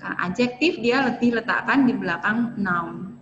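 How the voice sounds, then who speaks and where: A woman teaching a French class online who explains patiently and slows down to model the example sentences. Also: fairly high pitch, lively intonation. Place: home room on a video call. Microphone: laptop mic on video call. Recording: echoey, dull video-call audio with faint noise.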